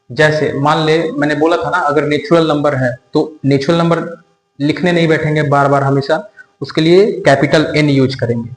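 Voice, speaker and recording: A man's voice: a little high, roomy sound, rough recording. A young man teaching a casual lecture, acting out both sides of a teasing back-and-forth with his students. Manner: acts out student and teacher dialogue, informal and teasing.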